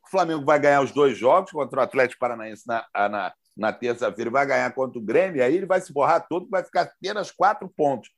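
A man's voice: mid-range voice, lively intonation, fast talker, few pauses. A man, co-hosting a casual football podcast, talking in rambling, emphatic bursts. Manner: rambling, emphatic, restarts often. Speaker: podcast co-host.

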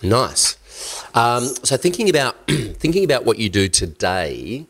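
A man's voice: medium pitch, very animated, unhurried, fairly bright tone. A man hosting a conversational interview, sounding nasal and stuffed up from a cold, as if pinching his nose. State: recovering from a cold. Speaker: podcast host interviewer.

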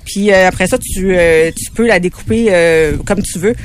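A radio co-host, giving casual step-by-step tips in a lively way. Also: medium pitch, moderate pace, background noise. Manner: lively, explains step by step with "puis".

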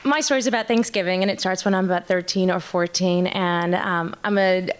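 A woman telling a personal story live on stage, nervous and halting, often restarting her sentences. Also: lowish voice, steady tone, some chatter behind, a little hiss or hum.

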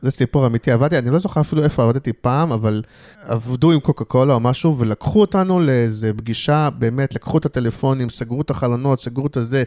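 A man's voice: mid-range voice, warm tone. A man talking as a guest in a casual interview, hesitant, with many fillers and restarts. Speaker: guest, advertising creative.

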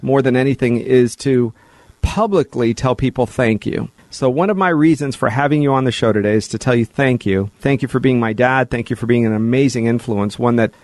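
Middle-aged male radio host, dry studio sound, warm-hearted, laughs lightly. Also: mid-range voice, brisk, dry recording. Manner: warm-hearted, leading questions with small laughs. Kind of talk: radio show interview.

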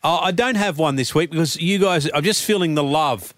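A man's voice: a little high, brisk, fairly bright tone, no echo, clean studio sound. An older man with a broad Australian accent, hosting casual sports panel banter in a jocular, matey, slangy way. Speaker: panel show host.

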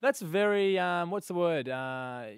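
A man's voice: high voice, animated, measured pace, smooth, no echo, studio quality. An Australian man co-hosting a radio show with casual, teasing banter. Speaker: radio co-host. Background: music bed.

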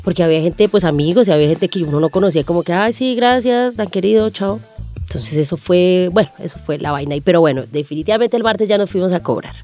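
A woman's voice: fairly low pitch, racing, warm tone, soft background music. A middle-aged woman with a Colombian Spanish accent, a guest in an interview, telling her own story vividly and acting out the voices of the people in it. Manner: vivid storyteller who acts out the voices of others. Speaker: guest, lottery winner.

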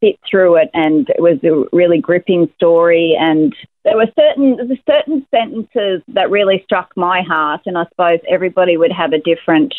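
A woman's voice: fairly low pitch, normal speed, dry recording. A woman chatting casually as a caller to a radio show over a tinny phone line.

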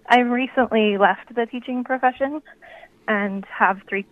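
A woman's voice: a little high, takes it slowly, no echo. Woman caller, hesitant and polite, heard through a thin clipped phone line, dry and close. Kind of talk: call-in question.

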